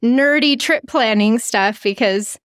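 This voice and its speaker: A woman's voice: a little high, takes it slowly, fairly bright tone, smooth, no room sound. A woman co-hosting a podcast, chatting casually in a frank, dry way with loose restarts. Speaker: podcast co-host.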